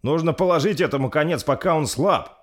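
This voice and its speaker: A man's voice: medium pitch, big pitch swings, brisk, voice pushed up. A man voicing a stern, grim male captain who gives harsh commands in an audiobook story. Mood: urgent.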